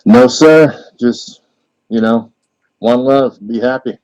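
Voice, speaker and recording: A man calling in to a podcast over the phone, speaking haltingly with many fillers. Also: medium pitch, a little mellow. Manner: halting, lots of uh and you know. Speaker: caller. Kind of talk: phone-in chat. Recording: dull phone line.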